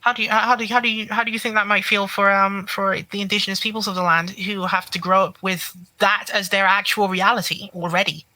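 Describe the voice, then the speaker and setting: A woman hosting a heated live debate, pressing her opponent with rapid-fire questions. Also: mid-range voice, flat delivery, bright, forceful tone, no echo, poor audio. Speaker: debate host.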